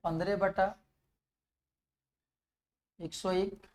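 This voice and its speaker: A man's voice: high voice, flat delivery, very slow, a little mellow. Picture a man walking students through an exam-prep math lesson in careful steps. He poses questions and answers them himself. He reads numbers and multiplication tables aloud as he works. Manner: explains step by step, asks and answers his own questions. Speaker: math teacher.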